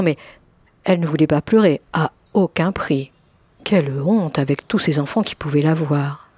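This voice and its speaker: A woman narrating an audiobook story with expressive, lively storytelling. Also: sits low, no echo. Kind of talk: audiobook reading.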